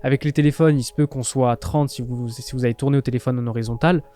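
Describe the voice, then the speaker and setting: A man from France talking casually through a step-by-step software tutorial, with lots of filler sounds. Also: mid-range voice, fairly even intonation, fast talker. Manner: chatty, many filler "euh" and "bah". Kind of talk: casual screen-recorded tutorial.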